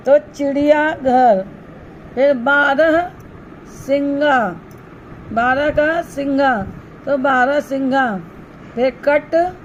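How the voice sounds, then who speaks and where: High-voiced, slow woman teacher spelling syllables. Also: highs cut off, slight background noise. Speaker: primary school Hindi teacher. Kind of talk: slow classroom walkthrough of a textbook exercise.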